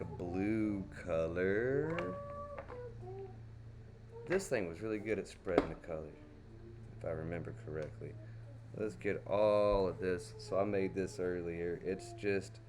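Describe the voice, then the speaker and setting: Painting with crayons on stream, a Texas-accented man from Dallas keeps up a casual, folksy running chatter to himself. His voice sits fairly low and is a little mellow, over slight background noise.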